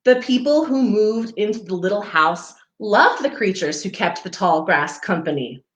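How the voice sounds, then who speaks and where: She reads at normal speed, animated and mid-range in pitch, bringing expression to a children's picture book and pausing for friendly asides to the young listeners. The woman is a parks program's storybook reader, recorded in a roomy, echoing space.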